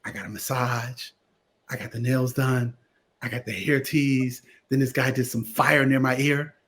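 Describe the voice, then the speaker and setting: A man from Connecticut, a guest attorney and theater producer, telling stories in a casual interview with animated delivery. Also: mid-range voice, a little slow. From Connecticut, USA. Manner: animated storyteller, lively voices in anecdotes.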